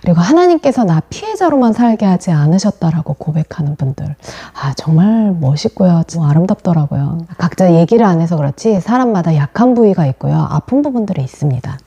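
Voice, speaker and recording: A woman giving a devotional as a pastor's wife, with a mellow, darker tone. Her pitch moves a lot as she retells stories in a gentle, earnest way. She sounds expressive and sincere throughout. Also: fairly quick, few pauses, breathy edge, highs cut off.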